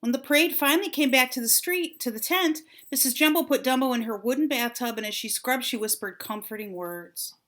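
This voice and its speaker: An older woman reads a children's story expressively. Her voice is bright and fairly high, and she draws out words for dramatic effect. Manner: deliberate, dramatic phrasing with drawn-out words. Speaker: grandmother reading a storybook aloud.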